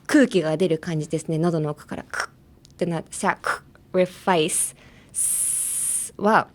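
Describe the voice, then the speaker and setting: A woman's voice: fairly low pitch, measured pace. Playful bilingual woman teaching English. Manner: playful, chatty, switches between English and Japanese. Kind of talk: bilingual language lesson.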